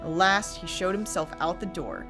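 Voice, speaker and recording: Low-voiced woman telling scary campfire stories. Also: moderate pace. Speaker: host and narrator of a scary story channel. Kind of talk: campfire horror story narration. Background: music.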